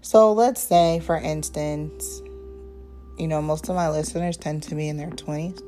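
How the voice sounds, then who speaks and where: A woman in her twenties hosting a casual faith-based podcast, talking in a relaxed, rambling way with many ums and asides. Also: sits low, measured pace, soft background music. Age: 20s. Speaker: podcast host.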